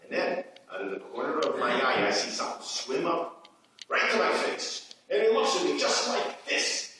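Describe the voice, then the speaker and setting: A man acting an excitable man telling a rambling story in a stage play rehearsal, recorded from afar in an echoey room. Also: mid-range voice, moderate pace. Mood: animated. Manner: animated, jumpy, emphatic storytelling. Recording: echoey room from far off, background noise.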